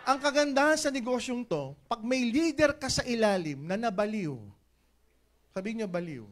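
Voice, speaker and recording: Speaking at a moderate pace before an audience in a large event hall, a middle-aged man delivers a lively motivational business talk full of jokes and crowd call-and-response. His delivery swings from loud, booming punchlines to quiet, low asides.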